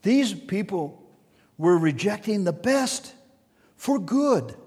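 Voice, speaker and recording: High-voiced man preaching in a reverberant hall. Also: very animated, takes it slowly, husky. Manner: dynamic preaching, swinging from soft to loud, with repetition. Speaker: pastor. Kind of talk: sermon.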